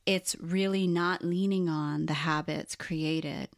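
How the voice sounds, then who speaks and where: A woman's voice: sits low, takes it slowly, gravelly, dry recording, clean studio sound. A woman from Hawaii co-hosting a podcast in casual chat, acting out voices as she tells stories. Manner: animated storyteller, acts out quoted voices. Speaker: podcast co-host.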